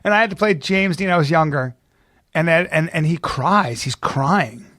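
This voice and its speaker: A man with a fairly high speaking voice spins a casual podcast story, laughing often at himself. His telling is animated and self-mocking, with loose, chatty phrasing. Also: moderate pace. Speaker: podcast co-host.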